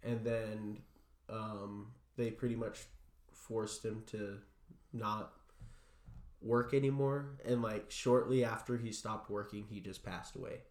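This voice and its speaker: A young man being interviewed, telling a personal story in a halting way full of fillers. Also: on the low side, fairly even intonation. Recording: roomy echo.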